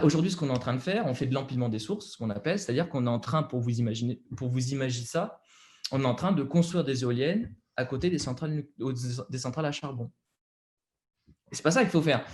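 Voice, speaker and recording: Young man, French accent, halting with fillers, slide presentation, video call. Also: medium pitch, darkish tone. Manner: hesitant, many fillers and restarts.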